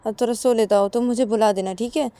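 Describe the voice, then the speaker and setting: A woman's voice: on the high side, normal speed, warm tone, lightly acted. A woman voicing Ananya, a protective young woman who coaxes and scolds insistently in a storybook tale. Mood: coaxing.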